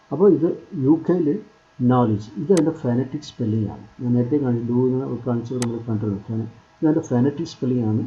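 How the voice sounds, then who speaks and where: A man walks the listener through a screen-share English lesson. He keeps repeating himself as he points out items on the screen. His voice sounds very dark and mellow. The recording is dull and lo-fi, with a faint hiss underneath. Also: medium pitch. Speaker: English teacher.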